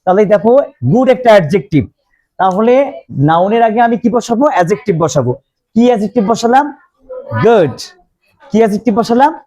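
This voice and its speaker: A man teaching English grammar to a classroom of students, slowly repeating questions for the class to answer. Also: sits high, animated, warm tone.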